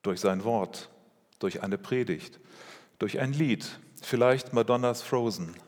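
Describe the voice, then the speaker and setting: A man preaching a sermon as pastor, speaking in a measured way with rhetorical questions and repeated phrases. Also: mid-range voice, a little mellow. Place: church. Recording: long reverb of a church hall.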